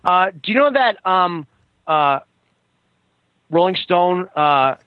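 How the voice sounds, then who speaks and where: A man co-hosting a podcast who calls in over a poor phone line that sounds like a payphone, asking deadpan questions and repeating his host's name before each one. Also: sits high, takes it slowly, no room sound. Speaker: podcast co-host. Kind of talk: deadpan running gag chat. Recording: dull lo-fi phone call.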